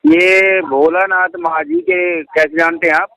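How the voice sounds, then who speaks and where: Brief: high, bright male collector hurling insults over a dry phone line. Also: sing-song, measured pace, gravelly, dry recording. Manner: abusive, insulting. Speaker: recovery agent. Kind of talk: abusive phone argument. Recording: phone call recording.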